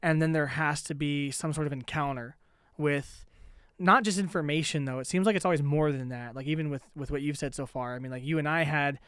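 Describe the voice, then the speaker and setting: A man's voice: a little high, steady tone, fairly quick, fairly bright tone, clear, resonant tone, dry recording, studio quality. A man hosting a casual interview, talking thoughtfully and often checking in with "right?". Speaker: podcast host.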